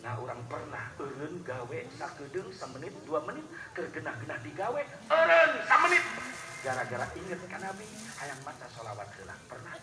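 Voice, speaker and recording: A man with a Sundanese accent preaching a sermon at a large religious gathering, moving from soft storytelling to loud, dramatic cries. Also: on the high side, expressive, fairly quick, few pauses. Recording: echoey hall with crowd noise.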